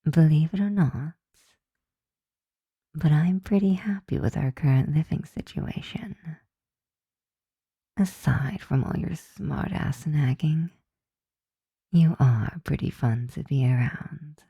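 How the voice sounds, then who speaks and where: In an intimate ASMR roleplay, a woman plays an affectionate, flirty, softly dominant vampire roommate, breathy and often whispering, teasing yet tender, in a full character voice. Her voice sits low and moves slowly with long pauses. The audio is dull, with no echo.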